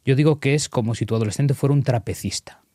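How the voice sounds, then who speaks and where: Male coach, mid pitch, earnest and emphatic, dry close sound. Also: quick pace, warm tone, no echo. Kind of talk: conversational coaching, guiding an exercise.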